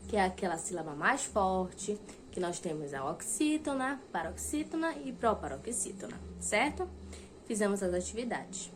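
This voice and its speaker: A woman's voice: medium pitch, sing-song, a little hiss or hum. A young adult woman teacher with a Brazilian Portuguese accent, patiently explaining a lesson to children and stretching out key words. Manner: patient, repeats key words slowly and checks in with "tá?". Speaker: primary school teacher. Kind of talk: recorded video lesson for fourth graders.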